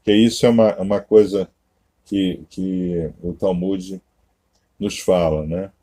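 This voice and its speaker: A man's voice: deep voice, fairly even intonation, takes it slowly, mellow. A Brazilian man giving a conversational teaching sermon, tagging almost every phrase with a questioning aside. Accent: Brazilian Portuguese. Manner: conversational, constant "né?" and "tá?" tags. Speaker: Masonic-Kabbalistic teacher.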